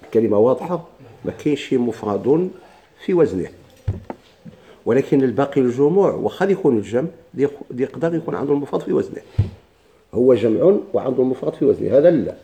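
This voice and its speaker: Male grammar teacher, Moroccan Arabic accent, very dark tone, medium pitch, patient step-by-step explainer. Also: lively intonation, fast talker, a little hiss or hum. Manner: explains step by step with rhetorical questions and repetition. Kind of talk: classroom grammar lesson.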